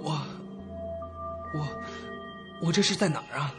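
Over dramatic music, a man with a somewhat high voice performs first-person narration for a Chinese suspense radio drama, playing a frightened young man recounting a horror ordeal. His measured pace carries anxiety and confusion, and the lightly acted delivery stays breathless and dramatic, lurching between whispers and panic.

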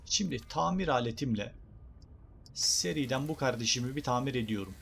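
His mid-range voice is gravelly and a bit bright, with lively intonation and a slightly fast pace. This young gaming YouTuber casually comments on his let's play, joking in slang and talking to viewers and creatures on screen, over a little hiss or hum.

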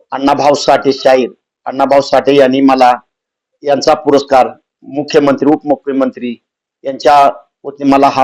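A man's voice: medium pitch, a little mellow, poor audio. A man, a retired soldier giving earnest interview answers and often restarting phrases. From Sangli district, Maharashtra. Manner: earnest, repeats and restarts phrases, rises when stressing points.

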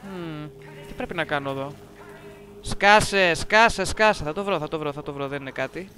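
Over music, a man with a slightly high voice jokes his way through a let's-play, reading the game's text aloud and answering it back. A sore throat and a cough come through as he comments.

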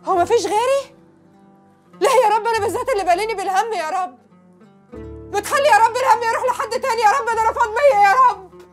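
A woman's voice: high voice, lively intonation, fairly quick, long pauses, soft background music. An actress with an Egyptian accent playing a poor, desperate village mother who pleads anguished to God. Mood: wailing. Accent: Egyptian Arabic. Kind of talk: TV drama acting.

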